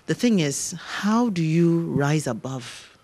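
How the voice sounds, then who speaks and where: A man hosting an interview, posing measured questions after short framing remarks. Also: fairly high pitch, lively intonation, a little mellow. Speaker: talk show host.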